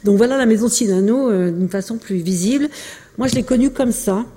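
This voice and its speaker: A woman presents old photos and documents in a casual lecture, often pausing, restarting and filling gaps with little hesitations. Her voice is dark and mellow. It rings out with a long reverb, as in a large hall. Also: fairly high pitch, breathy edge. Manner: hesitant, many fillers and restarts. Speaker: lecturer presenting family archives. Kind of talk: informal illustrated talk.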